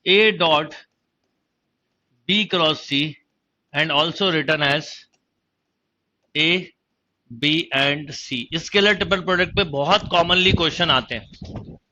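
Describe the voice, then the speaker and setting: A man's voice: fairly high pitch, extremely slow, pauses often, bright, forceful tone, lo-fi sound. A man teaching a math lesson online, explaining step by step and quizzing his students as he goes. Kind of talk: online exam-prep lecture.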